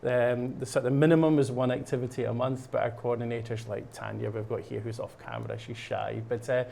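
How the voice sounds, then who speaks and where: Speaking at medium pitch in a flat, slightly fast, creaky voice with a dark tone, this Scottish-accented man from Scotland rambles through an explanation of a program, with many fillers and restarts. He's a guest chatting casually on a local show, painting in the studio, with slight background noise.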